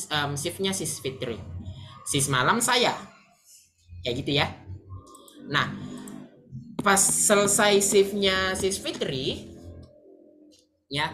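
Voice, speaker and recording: Casting: woman, low voice, relaxed chatty teacher walking viewers through examples. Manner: chatty, addresses viewers as friends, explains slowly with examples. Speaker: English teacher. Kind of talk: casual online English lesson.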